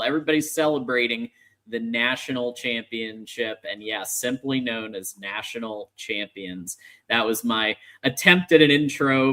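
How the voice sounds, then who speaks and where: A man's voice: mid-range voice, sharp tone. A man hosting a casual livestream sports show with upbeat, conversational patter.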